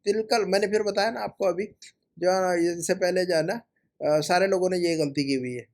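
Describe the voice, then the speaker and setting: A man with a fairly high voice walks through students' homework in a lesson. He corrects each mistake and repeats the right phrase slowly so it sticks. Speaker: Arabic teacher.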